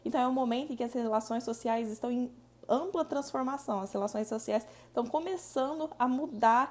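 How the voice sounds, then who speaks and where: A Brazilian Portuguese-speaking woman teaching a recorded lesson, explaining step by step with frequent restarts and slowly drawn-out syllables. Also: fairly high pitch, a little mellow. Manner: explanatory, repeats points, drawn-out syllable counting.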